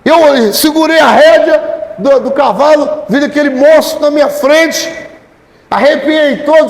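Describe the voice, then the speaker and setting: High-voiced Brazilian pastor preaching in an echoey hall. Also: male voice. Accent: Brazilian Portuguese. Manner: addresses congregation members by name, builds to shouted repetitions. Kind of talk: sermon.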